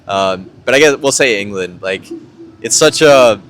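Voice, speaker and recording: A young American man hosting a casual interview, asking questions in a halting way with many restarts. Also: fairly low pitch, expressive, fairly bright tone, a little hiss or hum. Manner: halting, full of fillers and restarts. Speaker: host.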